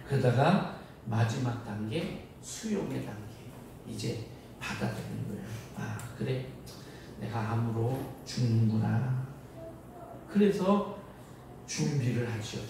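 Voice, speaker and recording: A male pastor preaching a sermon, acting out quoted inner voices with rising pitch. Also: gravelly, noisy background. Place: church sanctuary. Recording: echoey church hall, voice from far off, faint ambience.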